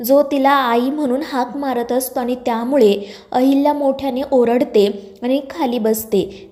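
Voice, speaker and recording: A woman narrates a scripted episode summary in a steady, read-aloud storytelling manner. Her voice sits high yet sounds mellow and warm. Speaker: serial recap narrator.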